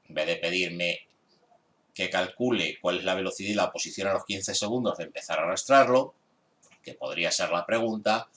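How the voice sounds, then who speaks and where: A man's voice: low voice, sharp tone. A man who is a physics teacher, methodically working through an exam solution step by step for his students. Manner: exasperated with students' grades.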